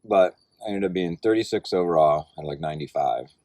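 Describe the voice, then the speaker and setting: A man's voice: low-pitched, fast, a little mellow, dry recording. A tired, sore man in his forties, rambling in a laid-back, self-deprecating way as he records a casual outdoor video diary. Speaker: vlogger and amateur cyclocross racer.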